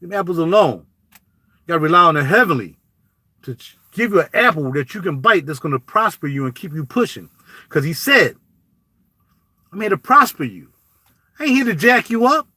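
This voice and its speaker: A man talks to camera in a casual vlog, preaching in animated street talk with big swings of pitch. His voice sits high and sounds bright and forceful. The recording is dry and close to the mic. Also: normal speed, long pauses, dry recording. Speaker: YouTube vlogger. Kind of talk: casual spoken commentary.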